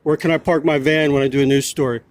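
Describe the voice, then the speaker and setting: Speaking fast in a slightly high voice with little pitch movement, an American man narrates his own confrontational vlog as an outdoor street reporter. He is pushy and keeps repeating his questions, and there is no room sound.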